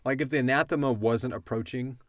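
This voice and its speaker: A podcast host and audio drama creator answers listener questions, casually talking through a story and acting out characters' lines as he retells it in animated fashion. His voice is medium-pitched and brisk, captured in a dry, studio-quality recording.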